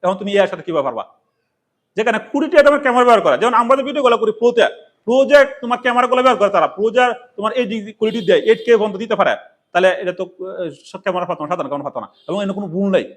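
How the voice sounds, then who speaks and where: A man talks through a casual how-to lesson in a high, bright-sounding voice. He races along at a very quick clip, repeating himself and posing questions that he then answers. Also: expressive. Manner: rambling, repetitive, asks and answers his own questions. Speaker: tech tutorial presenter. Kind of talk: casual spoken tutorial.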